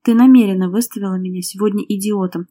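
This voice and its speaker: A jealous, hot-tempered young man barks short menacing lines, as a woman reader puts him on. The voice is warm and mellow, clipped and hard. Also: mid-range voice, steady tone, fast, natural voice. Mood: furious. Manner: curt, snapping, menacing.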